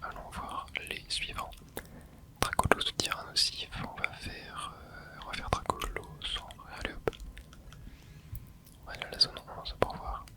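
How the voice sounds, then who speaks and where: Asmr gamer whispering super quiet like its late at night, rambling along while playing, close mic. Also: moderate pace. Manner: casual and rambling, thinking aloud while playing. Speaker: video creator and streamer. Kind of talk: whispered ASMR gameplay commentary.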